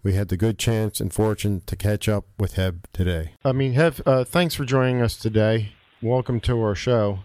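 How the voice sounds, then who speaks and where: Radio host, male, lowish voice, polite and careful, dry close sound. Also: moderate pace, few pauses, a little mellow, no echo. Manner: courteous, with some fillers. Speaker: interview host. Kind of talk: radio interview.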